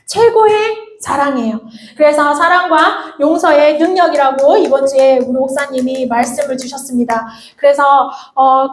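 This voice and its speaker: A woman giving a chatty, confessional church class message and laughing at herself. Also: sits high. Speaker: church teacher. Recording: echoey room.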